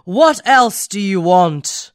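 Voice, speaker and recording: A woman voicing a huge, proud male ogre who speaks slowly and loudly. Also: expressive, no echo, clean studio sound. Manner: slow, booming, proud.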